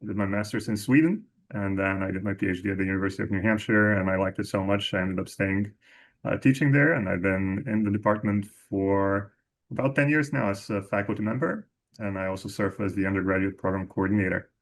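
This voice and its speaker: A quick-speaking man from Bulgaria with a fairly low voice. He is a lecturer answering interview questions by video call, friendly and matter-of-fact. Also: rough recording. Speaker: senior lecturer, faculty advisor. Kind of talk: interview guest.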